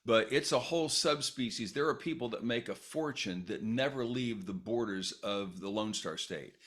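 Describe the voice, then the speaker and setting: Talkative middle-aged podcast host. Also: male voice, on the low side, normal speed, fairly bright tone. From United States. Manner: talkative, jumps in with long follow-up questions. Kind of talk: casual interview.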